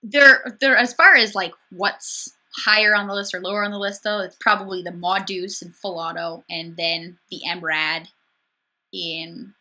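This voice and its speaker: Bright-voiced young woman from Wisconsin chatting. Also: medium pitch, fairly even intonation. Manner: chatty, upbeat, sarcastic, quick restarts. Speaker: livestream host. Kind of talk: casual livestream chat reading viewer comments. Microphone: webcam mic.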